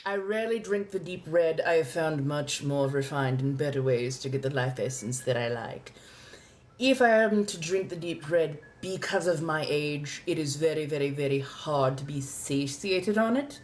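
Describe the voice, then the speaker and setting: A woman's voice: low-pitched, lightly acted. A woman playing an ancient, genteel female vampire with a posh colonial accent, speaking formally and courteously as she chats live in character. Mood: poised, amused. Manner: refined, formal, old-fashioned wording, drawn-out deliberate phrasing. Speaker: livestream host answering viewer questions. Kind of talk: in-character live question-and-answer chat.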